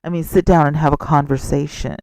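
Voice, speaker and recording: A man hosting a gossip vlog with casual, expressive commentary and chatty asides, speaking close to the microphone. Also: on the high side, a little fast, no room sound, low-quality recording. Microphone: close microphone without a cover.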